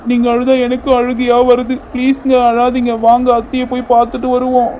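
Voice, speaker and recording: ஒருவர் நடிக்கும் பதறும் மனைவி Pushpa. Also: male voice, extremely high pitch, completely flat delivery, a little fast, a little mellow, a little hiss or hum. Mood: fretful. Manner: pleading, fretful. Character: worried devoted young wife Pushpa. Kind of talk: cartoon voice acting.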